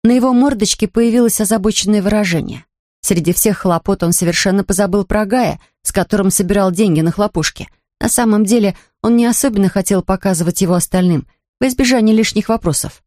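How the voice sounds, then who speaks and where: A woman narrating a children's storybook with a lively, expressive reading. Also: medium pitch, fast, no echo, clean studio sound. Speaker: audiobook narrator.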